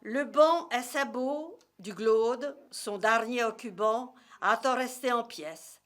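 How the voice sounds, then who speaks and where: Woman storyteller, rural Burgundian Morvan accent, higher-pitched voice, very slow measured delivery of a dialect tale. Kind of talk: storytelling in regional dialect, read aloud.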